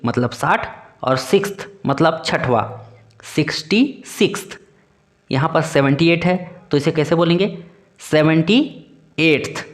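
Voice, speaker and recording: A man giving a video lesson on English, explaining slowly and repeating each example twice. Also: a little high. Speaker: English teacher.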